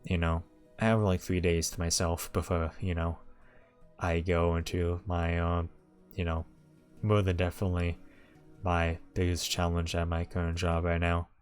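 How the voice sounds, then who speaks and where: A man's voice: deep voice, level tone, normal speed, soft background music. A young man talking casually and candidly to camera at home, in a rambling, hesitant way. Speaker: vlogger. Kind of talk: casual vlog talk.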